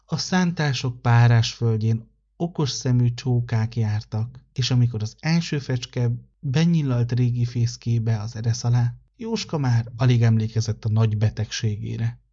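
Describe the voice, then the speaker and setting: A man calmly narrating a children's story aloud. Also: medium pitch, highs cut off. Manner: calm, measured narration.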